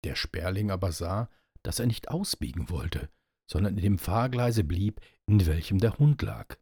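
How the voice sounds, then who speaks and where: A man reading a fairy tale aloud in a steady storytelling manner. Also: deep voice, normal speed, breathy edge, no echo, studio quality. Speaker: narrator.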